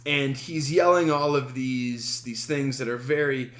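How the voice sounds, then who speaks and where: A man from Denver hosting his podcast, telling a story in a casual, halting way full of ums, with a wry, self-amused humor. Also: medium pitch, fairly even intonation, a bit bright, reverberant. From Denver, USA. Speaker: podcast host.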